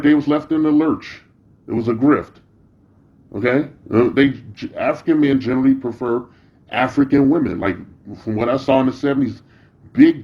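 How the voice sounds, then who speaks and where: A man's voice: mid-range voice, creaky. A middle-aged or older man giving an informal, rambling opinion rant, blunt, profane and slangy, with a scornful, confrontational edge. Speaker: social media commentator. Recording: dull, muffled lo-fi sound.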